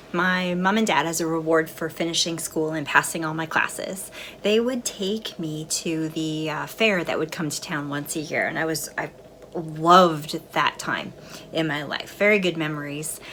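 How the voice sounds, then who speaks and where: A middle-aged woman with a somewhat low voice hosts her own movie review channel. She talks in a relaxed, chatty way, nibbling on snacks between thoughts as she walks through a film's plot. A faint hum of room sound sits behind her. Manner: chatty and relaxed, eating snacks while talking. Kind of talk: casual chat and film recap.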